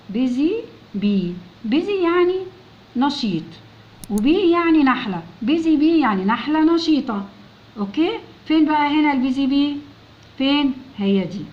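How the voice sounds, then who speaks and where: Speaking with an Egyptian Arabic accent and a high-sitting voice, an English teacher patiently sounds out words letter by letter for young children. She coaxes them along, prompting her pupils again and again to answer. The recorded lesson has a dull lo-fi quality with faint noise.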